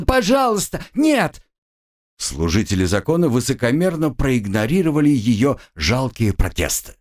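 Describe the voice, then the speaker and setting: A man narrating a dark fantasy story in a dramatic reading style. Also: mid-range voice. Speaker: audiobook narrator. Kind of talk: scripted narration.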